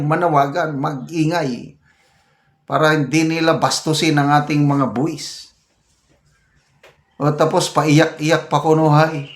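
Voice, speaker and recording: An older Filipino man, a retired general, giving casual political commentary, reading comments aloud and growing indignant. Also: fairly high pitch. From Philippines. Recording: roomy echo.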